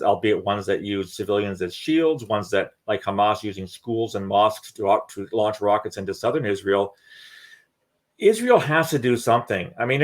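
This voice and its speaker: Middle-aged male analyst, low voice, careful, stammers into his points. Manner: measured, frequent restarts and stammered repeats. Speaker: security analyst guest. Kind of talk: podcast discussion.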